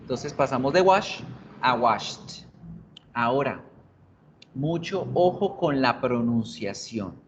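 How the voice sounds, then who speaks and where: Guy teaching english online, slow and patient, drills examples over and over, faint hiss behind. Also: mid-range voice, animated. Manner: explains grammar in Spanish, repeats English examples slowly; calls students "chicos", jokes in class. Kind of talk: online class lecture. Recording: muffled video-class audio, faint hiss.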